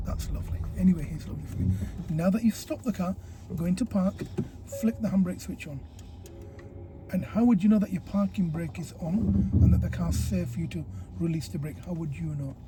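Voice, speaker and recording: A man's voice: high voice, a little fast. A man working as a driving instructor, guiding a learner step by step in an encouraging way inside a car. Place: inside a car being driven. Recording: clear car noise. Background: car engine and road noise.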